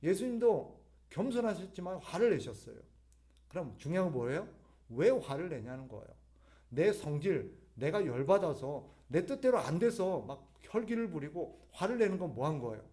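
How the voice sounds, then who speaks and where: Lively high-voiced Korean pastor preaching. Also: male voice. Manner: asks the congregation rhetorical questions and answers them; conversational preaching with sudden emphatic rises. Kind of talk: sermon. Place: church service.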